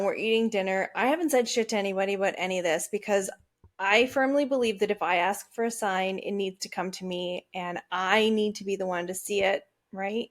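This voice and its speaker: A woman hosting a podcast, telling a personal story casually and animatedly, swearing freely and acting out her own reactions. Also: mid-range voice. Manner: checks in with the listener often. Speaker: podcast host.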